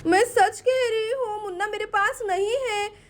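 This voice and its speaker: A caring young woman calls around the house in a high, fretful voice, as a woman puts her on. She belongs to a doll play storybook video. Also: unhurried. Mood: anxious. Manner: fretful, urgent calling.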